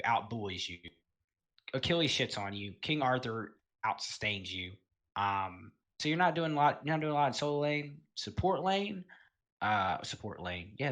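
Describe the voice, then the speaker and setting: Chill guy doing casual game tier list talk, lots of ums and you knows, mid-pitched voice. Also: fairly bright tone. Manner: rambling, heavy on fillers like um and you know; laid-back, chuckles between points. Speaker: gaming video host.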